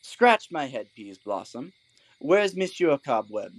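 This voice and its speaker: A man's voice: medium pitch, big pitch swings, takes it slowly, dry recording, poor audio. A man as Bottom, pompous, swooping donkey-man. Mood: lordly, indulgent. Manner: pompous, mock-courtly, leisurely. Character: pompous, foolish Bottom, a man turned donkey, lordly and drowsy. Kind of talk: Shakespearean comic audio drama.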